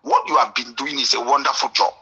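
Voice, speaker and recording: A man from Cameroon with a Cameroonian English accent, calling in to a radio show, impassioned and indignant, at times breaking into shouts. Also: medium pitch, steady tone, fast talker, creaky, slightly rough, rough recording. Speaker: caller. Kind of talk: call-in radio talk.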